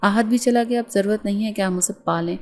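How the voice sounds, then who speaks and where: A woman's voice: mid-range voice, natural voice. A woman voicing a cold, harsh middle-aged stepmother who speaks in curt commands. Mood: stern.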